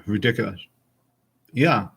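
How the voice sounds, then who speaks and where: A man's voice: fairly low pitch, expressive, unhurried, creaky, a bit bright, breathy edge. A man of forty chatting casually and frankly with his stream viewers, rambling from thought to thought. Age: 40s.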